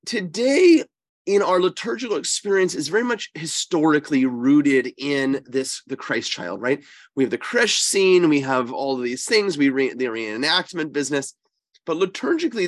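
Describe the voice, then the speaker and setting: Speaking a little high on a dry recording, this priest and co-host is slightly wheezy and stuffed up from a cold. He delivers religious teaching conversationally, emphatic yet halting.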